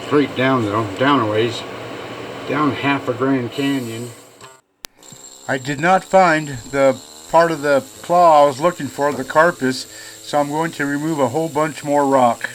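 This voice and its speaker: A man's voice: mid-range voice, steady tone, measured pace. A man giving a casual hands-on demonstration, thinking aloud informally as he works, with machine noise behind him. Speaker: fossil preparer showing own work. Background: machine hum.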